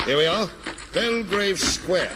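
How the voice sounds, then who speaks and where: A man's voice: high voice, animated, slow, heavy background noise. A man playing a pompous, cheeky detective. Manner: pompous and mischievous. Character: vain, pompous male detective, cheeky and boastful. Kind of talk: comic radio play acting.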